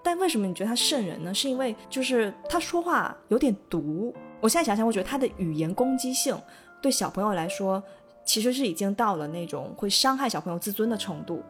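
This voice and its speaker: A woman co-hosting a casual podcast, telling a childhood story in a lively way and laughing often. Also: medium pitch, fast, faint music behind. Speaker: podcast co-host.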